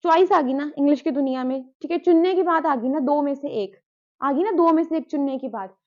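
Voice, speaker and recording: A woman's voice: sits high, fairly quick, a little mellow. A woman teacher gives a patient spoken-lesson, repeating key words and talking straight to her students. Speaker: English teacher. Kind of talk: explanatory spoken-English lesson. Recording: tinny phone-like sound.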